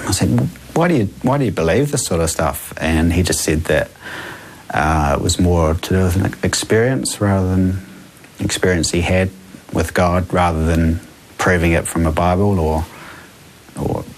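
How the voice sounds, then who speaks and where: A man with a very low voice reflects calmly on his past. His delivery is unhurried and thoughtful, with a faint hiss under the recording. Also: rough recording. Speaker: interviewee. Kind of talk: documentary interview testimony.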